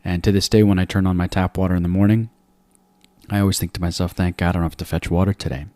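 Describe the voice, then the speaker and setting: A man in his forties from Afghanistan, a podcast guest giving measured, reflective interview answers into a close mic. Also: low voice, little pitch movement, a little mellow, dry recording.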